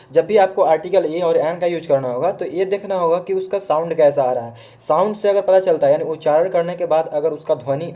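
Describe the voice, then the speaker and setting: A man's voice: a little high, mellow. A male teacher giving a grammar lesson online, patiently explaining step by step and answering his own questions. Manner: mixes English words into Hindi.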